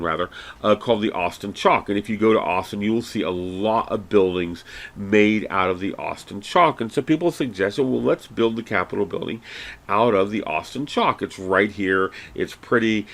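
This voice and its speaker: A man with a fairly low voice gives a recorded geology lecture in a loose, chatty way. He fills his talk with ums, restarts and wry asides about himself. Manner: casual, rambling, many fillers and restarts; self-deprecating, chatty asides. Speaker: geology instructor.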